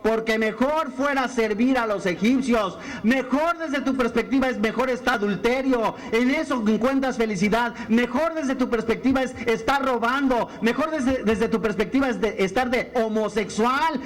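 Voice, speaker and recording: A male pastor with a strikingly high voice, preaching with fire. He drives his sermon along with pointed rhetorical questions. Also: moderate pace, hardly any pauses.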